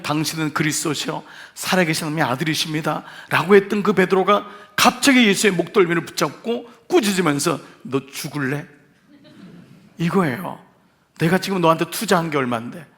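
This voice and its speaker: A man preaching a revival sermon as senior pastor in a church, lively and dramatic, acting out the lines of the people he quotes. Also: on the high side. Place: church sanctuary.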